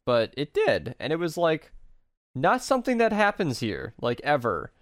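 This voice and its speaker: This young man hosts a casual stream chat in a lively, swinging voice that jumps high when he gets excited. He swears freely. His voice sounds dry and close to the mic. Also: normal speed, dry recording. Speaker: streamer host.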